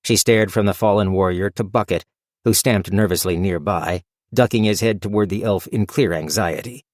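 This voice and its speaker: A man reading a fantasy audiobook as narrator in a steady, measured storytelling manner. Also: fairly low pitch, dry recording, clean studio sound. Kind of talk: scripted narration.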